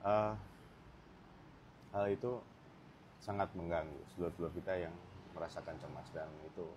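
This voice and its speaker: Pria bersuara rendah bicara santai di luar ruangan. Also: male voice, low-pitched, moderate pace, background noise. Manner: relaxed, chatty, with frequent fillers and asides. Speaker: mental health channel host. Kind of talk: casual talk to camera. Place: outdoors in sunlight.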